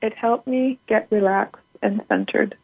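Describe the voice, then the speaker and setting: A woman's voice: mid-range voice, steady tone, a little slow, slightly rough, dry recording. A woman calling in to a show, earnestly repeating affirmations after the host over the phone. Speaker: caller. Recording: tinny phone line.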